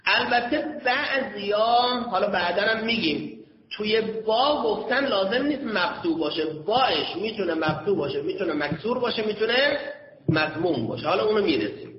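A man with a high voice gives a seminary-style classroom lecture, reading out short Arabic passages slowly and then explaining them. He keeps asking his students whether they follow. The sound is dull and lo-fi, with a long echo from a large hall. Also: expressive, a little hiss or hum. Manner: checks understanding with frequent questions to students. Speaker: seminary teacher.

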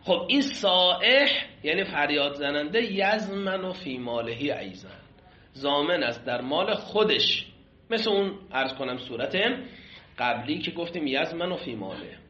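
A man's voice: fairly high pitch, sing-song, pushed and bright. A man teaching a seminary class on Islamic law, explaining a classical text and putting questions to his students. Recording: echoey room, dull lo-fi sound.

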